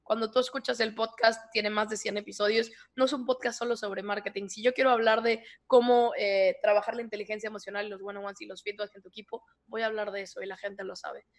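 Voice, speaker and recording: A woman who hosts her own podcast and gives talks, appearing as a guest and speaking in an animated way, often correcting herself mid-sentence. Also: mid-range voice, fast talker, few pauses. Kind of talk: conversational interview.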